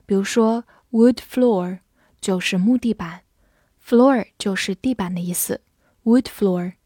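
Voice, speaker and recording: A woman teaching vocabulary at an unhurried, deliberate pace, spelling out each word letter by letter. Her mid-pitched voice sits close and dry, with no room sound around it. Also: warm tone, dry recording. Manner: spells words letter by letter and reads examples slowly. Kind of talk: vocabulary lesson narration.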